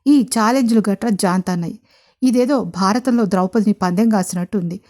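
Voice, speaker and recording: A woman's voice: mid-range voice, a little fast, dark tone, lightly acted. Woman voicing a stubborn young husband.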